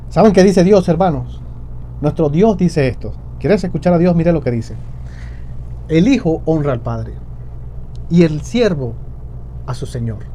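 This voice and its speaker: A man's voice: fairly high pitch, animated, measured pace, pauses often, warm tone, slight background noise. A man preaching a sermon, addressing the congregation as brothers and repeating key phrases for emphasis. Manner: preaching with repetition, addressing "hermanos".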